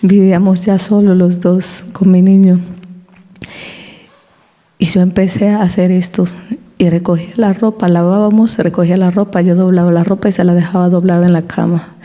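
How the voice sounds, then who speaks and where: A woman with a soft, mellow voice shares a personal testimony in a church. She tells her story animatedly and acts out the voices in it. Her words ring with the long reverb of a large hall. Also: lowish voice, moderate pace. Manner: animated storytelling, acting out quoted dialogue; laughs between anecdotes. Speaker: church speaker giving a testimony.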